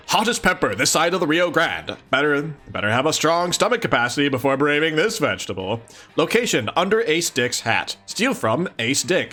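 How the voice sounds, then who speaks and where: Reading a comic aloud on a casual live stream, a man speaks with a medium-pitched, bright, forceful voice. His reading is expressive, punctuated by mock-incredulous asides.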